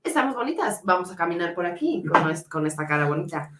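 A woman with a Mexican accent, co-hosting a podcast and telling a story in an animated, slangy way. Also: fairly low pitch, fast talker, roomy sound. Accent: Mexican Spanish. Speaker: podcast co-host. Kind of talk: casual chat.

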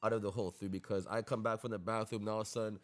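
A man's voice: on the low side, little pitch movement, very fast. A young adult man, telling stories casually in street slang and repeating tag phrases. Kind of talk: casual anecdotal chat.

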